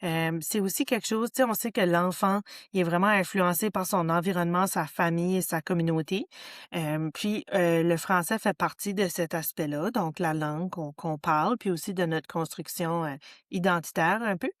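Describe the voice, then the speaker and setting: A woman's voice: on the low side, moderate pace, no echo, studio quality. Woman. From New Brunswick. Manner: hesitant, many fillers and "tu sais". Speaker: podcast co-host. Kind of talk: casual conversation.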